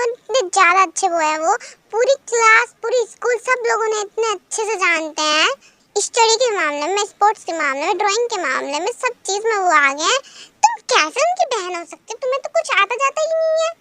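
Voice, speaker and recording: A stern, nagging male schoolteacher who lectures without pause, as a woman puts him on. The voice stays high and bright, in a dry, close recording of a homemade audio story. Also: expressive, no echo, exaggerated voice. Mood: scolding. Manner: scolding, lecturing. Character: strict, nagging male schoolteacher, middle-aged.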